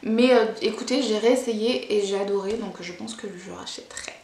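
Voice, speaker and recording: A woman's voice: mid-range voice, fairly quick, vocal fry, darkish tone. A young woman from Brittany reviewing beauty products in a chatty, rambling way, full of hesitations. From Brittany, France. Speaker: beauty vlogger. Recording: echoey room with faint noise.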